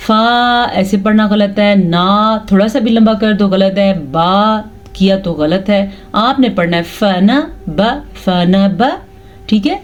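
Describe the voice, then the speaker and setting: A woman with a Pakistani Urdu accent gives a patient tajweed lesson at a middle, even pitch. She explains the rules of pronunciation step by step. Between the explanations she recites the verses slowly and carefully, stretching the sounds. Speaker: Quran tajweed teacher.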